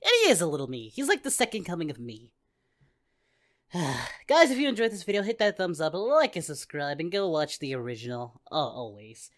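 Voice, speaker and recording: A woman voicing Goku, a cheerful, goofy adult male martial-arts hero, in an excitable in-character reaction commentary that shouts at the screen. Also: deep voice, fairly quick. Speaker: reaction video host.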